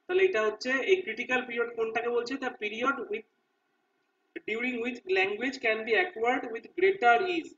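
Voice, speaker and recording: A man teaching exam preparation, reading English answer options slowly and explaining them, often checking "okay?" with listeners. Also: very high-pitched, a bit bright, distant mic, dull audio. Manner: reads English options slowly, explains in Bengali with repeated "ঠিক আছে?". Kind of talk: Bengali lesson walking through multiple-choice questions.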